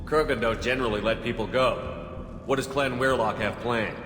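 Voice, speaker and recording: An actor playing a firm, no-nonsense military commander in a sci-fi video game, measured and curt. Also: male voice, medium pitch, fairly even intonation, lightly acted. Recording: echoey hall, game music over it.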